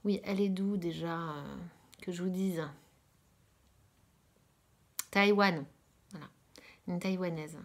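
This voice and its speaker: A woman from France chats casually as host of a knitting podcast, her voice sitting a little low. She hesitates often and fills gaps with filler sounds, often slipping into a soft near-whisper. She gushes over what she likes, repeating words of praise. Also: fairly even intonation, slow, pauses often. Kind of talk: casual chat about knitting.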